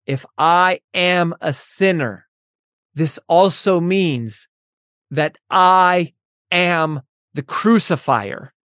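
A woman's voice: fairly low pitch, no room sound, clean studio sound. Earnest woman preaching on a podcast. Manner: earnest, building to impassioned intensity with repeated phrases. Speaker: podcast host. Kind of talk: religious teaching monologue.

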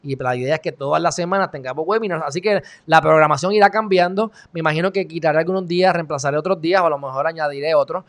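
A man with a Puerto Rican Spanish accent hosts his live stream, his voice sitting a little higher than most men's. He talks casually and heatedly, tossing in mocking, sarcastic asides as he works through the chat. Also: quick pace, hardly any pauses. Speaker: online show host.

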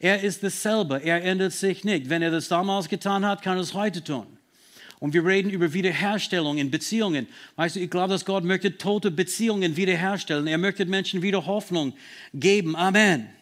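A man preaching a sermon in an earnest, emphatic way, slowing down to stress key words, with slightly non-native phrasing. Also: high voice, fairly bright tone.

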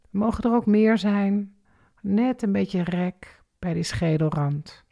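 A woman leads a guided relaxation exercise, talking the listener through each movement and breath. She speaks at a very unhurried pace, and her voice carries a noticeable vocal fry. Her delivery is calm and methodical, counting out the breaths. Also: mid-range voice, highs cut off. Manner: slow, calm step-by-step guidance with counted breaths.

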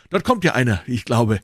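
A man's voice: medium pitch, very animated, normal speed, fairly bright tone, husky, no room sound, clean studio sound, voice pushed up. A man reading aloud, voicing a gracious, noble male musketeer with a dignified manner.

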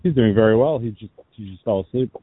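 A man's voice: fast talker, slight background noise. A man on a muffled phone line, like inside a box. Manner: relaxed and rambling, with many fillers. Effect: muffled rumbling phone line, like talking from inside a box. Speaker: podcast co-host. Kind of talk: casual chat over a phone call. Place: outdoors on a walk, pushing a stroller.

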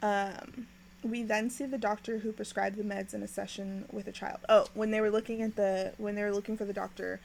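A young woman talks through a TV episode in a loose, chatty way, dropping in ums and quick laughs. Her pitch sits mid-range for a woman. A faint hiss of noise runs under the recording. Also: level tone, creaky, darkish tone, poor audio. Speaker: podcast host recapping a TV episode. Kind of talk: casual chat.

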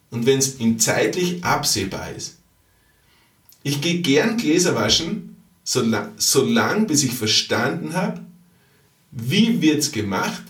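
A man's voice: mid-range voice, far from the mic. A man, hosting a podcast as a business coach, talking emphatically in repeated phrases and rhetorical questions aimed at the listener. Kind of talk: motivational business monologue. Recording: roomy echo, slightly off-mic.

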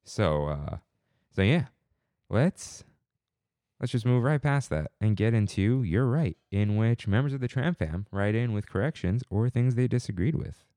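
Animated lowish-voiced man in his twenties. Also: a little slow, dry recording. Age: 20s. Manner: animated, laughing storyteller. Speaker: podcast co-host. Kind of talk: casual chat.

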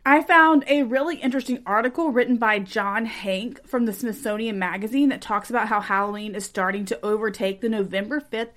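An American woman hosting a podcast as a conversational true crime narrator, mixing narration with casual chat. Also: a little high. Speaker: podcast host.

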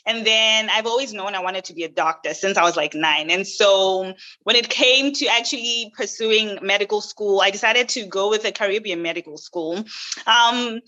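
A young woman, a guest on an interview, answering in an upbeat, measured way with frequent ums. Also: medium pitch, pushed and bright, low-quality recording. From Zimbabwe. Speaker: guest, new resident doctor. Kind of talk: casual interview.

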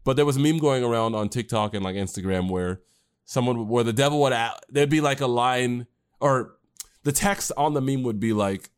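A man's voice: mid-range voice, normal speed, clean tone. A man co-hosting a casual podcast chat, rambling with fillers and restarts. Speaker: podcast co-host and anime creator.

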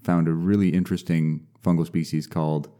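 A young man, a mycologist guest, talking casually and explaining things in a measured way with some restarts. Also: deep voice, flat delivery, mellow. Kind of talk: casual podcast interview.

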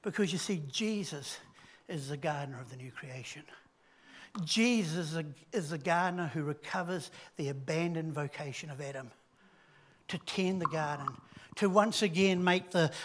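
A man preaching a sermon, retelling a story and dropping from loud emphasis to hushed, low tones. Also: normal speed.

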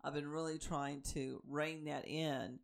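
A woman with an Oklahoma accent, co-hosting a faith podcast and telling stories in a casual, animated way. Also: sits low, a little slow, creaky. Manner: animated storyteller, acts out quotes. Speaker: podcast co-host.

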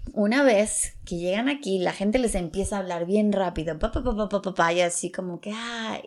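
A young woman from Latin America gives earnest, encouraging advice in a casual vlog, telling stories from her own experience. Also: mid-range voice. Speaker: vlogger giving tips for learning English.

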